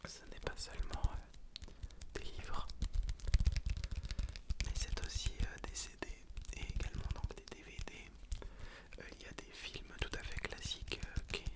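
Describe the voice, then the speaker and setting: A man hosting ASMR in a breathy whisper, halting and softly repeating words. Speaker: ASMR host.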